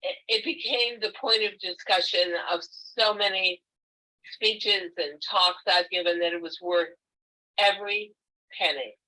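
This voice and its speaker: An older woman, an author, telling her own story as a guest on a video call in a candid, emphatic, animated way. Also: mid-range voice, a little slow, poor audio. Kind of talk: conversational interview. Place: home, virtual meeting.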